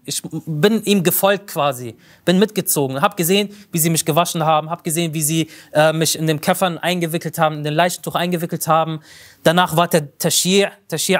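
High-voiced man telling a religious story. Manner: vivid storyteller who explains terms as he goes. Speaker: religious lecturer.

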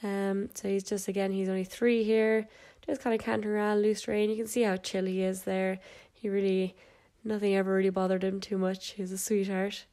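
Her cold makes her sound nasal and stuffed up as this young adult vlogger casually talks through videos of her horse. The delivery is flat, mellow, medium-pitched and a little fast, chatty with fillers and light laughter.

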